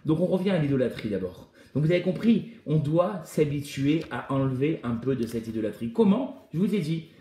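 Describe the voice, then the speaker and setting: Lively man teaching a Torah class. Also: fairly high pitch, a little fast, hardly any pauses, reverberant. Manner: lively, talks straight to listeners, acts out imagined voices.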